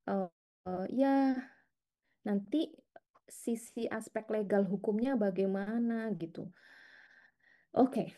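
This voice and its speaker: A woman's voice: medium pitch, slow pace, pauses often. Chatty coaxing woman lecturer. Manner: lively, chatty, coaxing students, laughing often. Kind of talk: interactive class teaching.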